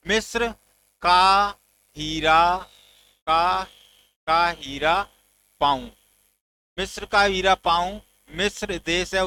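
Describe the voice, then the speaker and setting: A man's voice: high voice, sharp tone, a little hiss or hum, poor audio. A man teaching a general knowledge lesson, telling playful stories and acting out little dialogues as memory tricks. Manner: playful storytelling with mnemonic jokes, acted dialogue.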